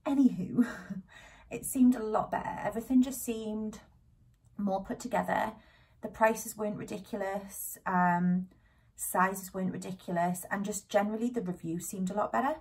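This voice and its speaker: A woman, chatting excitedly in a casual haul vlog, a little out of breath, dropping into whispered asides. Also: mid-range voice, moderate pace, vocal fry, breathy edge. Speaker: YouTube vlogger. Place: home.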